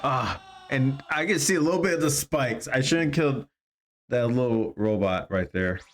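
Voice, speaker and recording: A man's voice: medium pitch, animated, normal speed. A man giving casual live gameplay commentary as a streamer, explaining as he plays. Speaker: game streamer. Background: game music.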